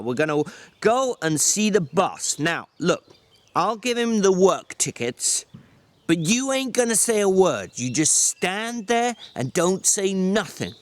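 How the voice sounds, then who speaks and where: During a story reading, a man uses a high voice to play a small, irritable, bossy drifter. The character scolds in sharp rustic slang, exasperated yet protective.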